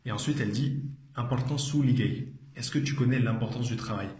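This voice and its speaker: A man's voice: medium pitch, brisk, a little mellow, reverberant. A man giving an explanatory video lesson as a language teacher, patiently repeating each phrase with frequent hesitations.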